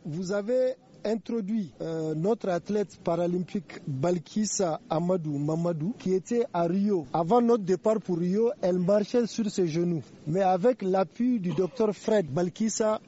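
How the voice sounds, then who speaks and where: A man's voice: high-pitched, a little slow, mellow, husky. A man speaking as a sports federation president at a ceremony, earnest with some fillers. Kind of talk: ceremony speech. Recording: dull lo-fi recording.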